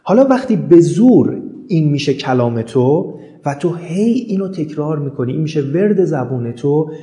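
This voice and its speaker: A man's voice: fairly high pitch, big pitch swings, mellow. Male motivational speaker, earnest, list-driven delivery, echoey room sound. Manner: earnest, repeats affirmations in rhythmic lists. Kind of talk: self-help monologue.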